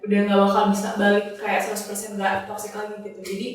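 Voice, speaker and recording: A woman's voice: mid-range voice, little pitch movement, fast talker. Young woman, distant in an echoey room. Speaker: university student. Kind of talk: casual opinion.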